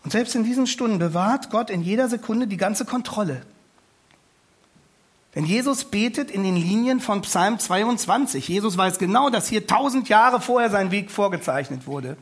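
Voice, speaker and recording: A man delivering an impassioned sermon in a church, his voice sitting a little higher than most men's. He pleads with his listeners and repeats phrases for weight, slowing down to lean hard on key words. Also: lively intonation, husky. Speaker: preacher.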